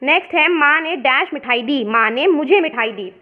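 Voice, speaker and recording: A woman's voice: sits high, animated, normal speed. A woman teacher from India explaining a worksheet step by step, mixing English words into her lesson. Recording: dull lo-fi sound.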